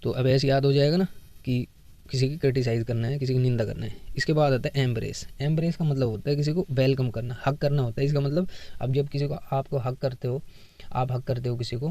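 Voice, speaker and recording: A man's voice: mid-range voice, dark tone, no echo. A man teaching English vocabulary for exams in a casual lesson, explaining words with memory tricks and acted everyday examples. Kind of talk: casual Hindi exam-prep lesson.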